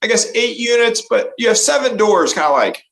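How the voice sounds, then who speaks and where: A man's voice: high voice, lively intonation, fairly quick, gravelly, a bit bright, rough recording. A man in his fifties hosting a casual interview, affable, repeating facts back to his guest. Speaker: interview host.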